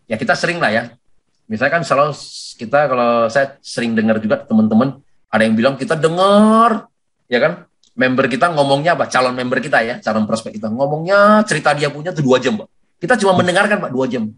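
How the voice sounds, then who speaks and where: A man giving a lively sales coaching talk for network marketing, who often addresses his listeners as sir and acts out sales conversations. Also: medium pitch, brisk. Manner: animated, addresses listeners as "Pak" constantly.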